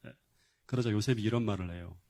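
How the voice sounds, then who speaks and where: A man's voice: fairly low pitch, fast talker, mellow. Man preaching an emphatic Bible story. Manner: storytelling with rhetorical questions and frequent "yes" interjections. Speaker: pastor. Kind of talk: sermon.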